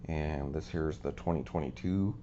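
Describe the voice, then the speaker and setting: Here a man with an extremely low, mellow voice speaks at a normal speed, his voice a touch scratchy today. He runs a card collecting channel and casually shows his cards, rambling and saying um a lot, while the recording has its highs cut off.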